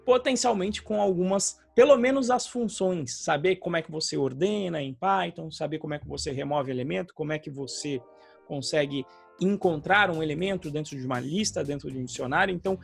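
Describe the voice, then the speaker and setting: Brazilian male podcast co-host, high-pitched, gravelly, teacherly, faint music bed. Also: a little fast. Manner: explanatory, frequent "tá?" tag questions. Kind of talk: casual podcast chat.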